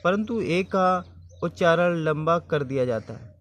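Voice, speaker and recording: A man's voice: fairly high pitch, lively intonation, measured pace, a bit bright. A man teaching English vowel sounds, spelling words out letter by letter and repeating them.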